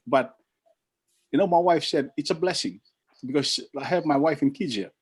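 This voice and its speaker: An older man from Fiji giving a halting toast on a video call, with many fillers and restarts. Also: fairly high pitch, slightly rough.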